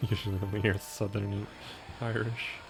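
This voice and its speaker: Speaking slowly and in a level tone, a man with a voice on the low side chats through casual speedrun commentary. He's from the Netherlands, Dutch is his first language, and his pronunciation mixes British and American; game music is audible behind him.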